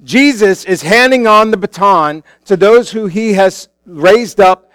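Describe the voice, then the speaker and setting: A man's voice: high-pitched, a little slow, a bit bright, no echo. A male pastor preaching a sermon into a pulpit microphone in a church, in a casual, conversational way with many fillers and restarts. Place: church sanctuary.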